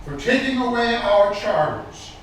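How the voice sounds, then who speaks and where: A man giving a formal public recitation of a historical declaration in a lofty, stately manner with deliberate pauses. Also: sits high, sing-song. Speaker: public reader at a commemorative event. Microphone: distant microphone. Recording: distant, very echoey, some background noise.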